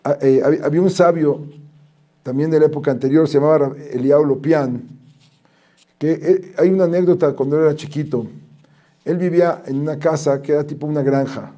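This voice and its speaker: A man, a rabbi, giving a lesson as an animated storyteller who reads out Hebrew and Aramaic quotes. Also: a little high, brisk. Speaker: rabbi teaching.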